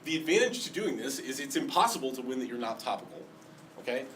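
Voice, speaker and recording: A man's voice: mid-range voice, very animated, quick pace, a bit bright. A man lecturing a class on debate, explaining step by step with many ums and a slight lisp today. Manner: explanatory, frequent ums and restarts. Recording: distant mic, faint background noise.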